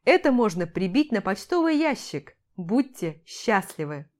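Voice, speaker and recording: A woman's voice: mid-range voice, big pitch swings, a little slow. A woman voicing the groom's proud older father, giving a formal ceremonial toast in an audiobook. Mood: solemn.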